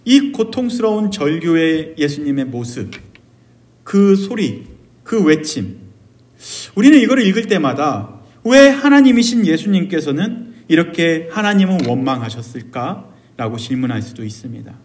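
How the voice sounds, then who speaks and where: A man pastor preaching a sermon, shifting between loud emotional cries and quiet, hushed phrases. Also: fairly high pitch, very animated, moderate pace.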